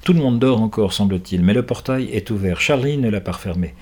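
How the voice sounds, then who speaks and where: A man's voice: lowish voice, brisk. Man reading a children's book aloud. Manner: lively, changing voices for characters. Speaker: audiobook reader.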